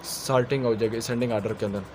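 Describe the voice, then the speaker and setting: A man giving a quick exam-revision lecture as a tutor, asking himself a question and answering it at each step, with technical English terms mixed into his speech. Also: mid-range voice, fairly even intonation, darkish tone, a little hiss or hum.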